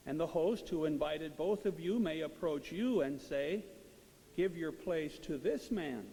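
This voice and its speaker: A man speaking as a priest in a liturgical reading and homily, measured, solemn and deliberate in his phrasing. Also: fairly high pitch, mellow. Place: large reverberant church. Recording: echoing church hall, long reverb, hiss.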